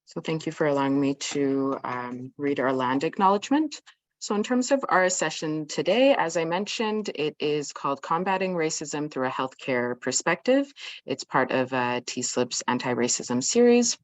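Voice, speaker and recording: Very low-voiced hesitant woman moderator. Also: lively intonation, normal speed, no echo. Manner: hesitant, many fillers and restarts. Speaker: workshop moderator. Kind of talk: formal event opening on a video call. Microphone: video call.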